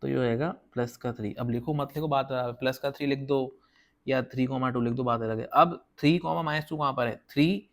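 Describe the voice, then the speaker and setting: A man's voice: mid-range voice, fairly even intonation. A man teaching a casual whiteboard math lesson, explaining step by step and often checking that viewers follow. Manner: counts slowly while drawing.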